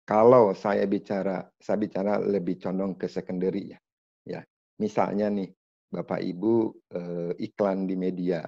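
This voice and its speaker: A man running an online sales training from home, explaining in a lively, chatty way and talking straight to the participants. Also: lowish voice, creaky. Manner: lively, chatty, addresses participants as Bapak Ibu. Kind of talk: online training talk over video call. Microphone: video call. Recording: dull, dry video-call audio.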